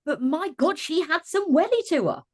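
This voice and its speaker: This cast member of an audio drama talks on a podcast in a high-sitting voice with lively intonation and moderate pace. Casual but impassioned, she is earnest and emphatic, driving points home by repeating phrases.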